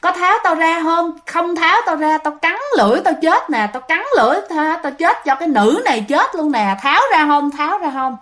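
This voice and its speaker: A woman's voice: on the high side, expressive, moderate pace, close to an everyday voice. A woman voicing a possessed teenage girl who shrieks threats. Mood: screaming.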